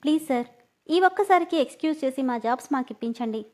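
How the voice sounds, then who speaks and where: A woman's voice: sits high, animated, fast talker, pitched above the performer's own voice. A woman doing an anxious pleading young woman.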